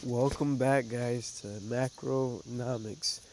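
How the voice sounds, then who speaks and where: A man hosting a trading podcast talks loosely through casual commentary, full of fillers and restarts, sounding stuffy and congested from a cold. His mid-range voice keeps a steady tone at a slow pace, with background noise present.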